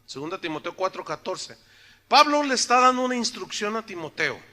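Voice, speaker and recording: A man's voice: high-pitched, big pitch swings, a little fast, bright, forceful tone. A middle-aged man preaching a sermon in a church, joking and bantering with the congregation. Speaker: pastor.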